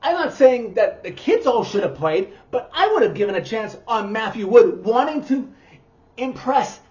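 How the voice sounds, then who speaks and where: A woman's voice: on the high side, very animated, moderate pace, darkish tone, muffled recording. A woman giving opinionated post-game sports commentary in an exasperated, emphatic manner. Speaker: sports podcast host.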